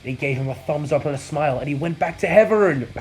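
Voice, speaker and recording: A man on a comedic storytelling vlog, swinging between excited yelps and mock-solemn mutters as he recounts an absurd saga. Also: fairly high pitch, fast, faint music behind, low-quality recording. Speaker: YouTuber.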